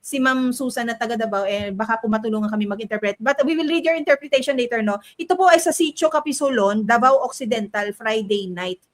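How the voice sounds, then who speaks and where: A woman's voice: a little high, quick pace, hardly any pauses. A woman co-hosting a political commentary show, chatty, reading viewer comments aloud. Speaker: co-host.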